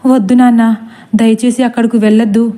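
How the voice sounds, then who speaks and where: A gentle young woman asks worried questions in a hushed, pleading voice, as a female narrator puts her on. Her voice is high and softly mellow. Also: flat delivery, fairly quick, natural voice. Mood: anxious.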